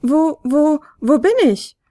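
A woman's voice: high-pitched, slow, dark tone, voice pushed up. A woman voicing a suspicious, protesting female flute in a storybook tale. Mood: doubtful. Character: skeptical talking female flute.

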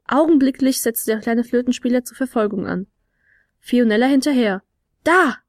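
A woman reads a children's advent story aloud. She is lively and expressive, and her voice sits fairly high. The sound is dry and close to a studio mic. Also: moderate pace, no room sound. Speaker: narrator. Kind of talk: storybook reading.

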